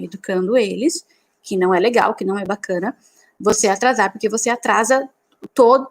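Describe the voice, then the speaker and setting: Brief: female dentist teaching clinic staff, chatty, keeps checking in, slightly high voice. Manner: chatty, frequent "né?" and "tá?" checks, acts out dialogues. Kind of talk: casual online lesson.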